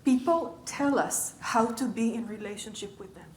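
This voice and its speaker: Female coach lecturing a class, engaging tone, slightly high voice, roomy recording. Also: moderate pace, slight background noise. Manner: engaging, checks in with the audience often. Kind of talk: conversational lecture. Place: lecture room.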